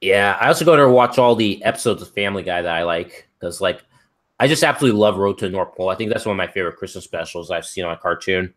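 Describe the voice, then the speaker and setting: Young male stream host, low-pitched, rambling and filler-heavy. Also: lively intonation, fast, fairly bright tone. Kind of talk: casual chat on a live stream.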